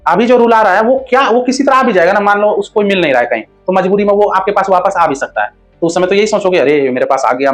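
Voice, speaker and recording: A man hosting a relationship advice talk, speaking bluntly and crudely, scolding viewers like a brother. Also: high voice.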